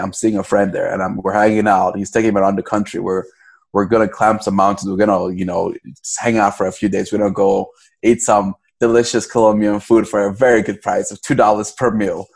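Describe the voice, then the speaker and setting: A man's voice: on the low side, flat delivery, fast, gravelly, slightly rough. A young man from Cameroon, a podcast guest, talking casually in a loose, rambling way with many restarts. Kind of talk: casual interview.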